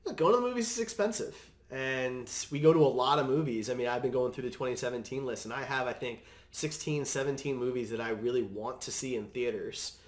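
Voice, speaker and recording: A podcast co-host with a medium-pitched voice talks a little fast, casually and opinionatedly explaining what he thinks of movies. The room sounds echoey.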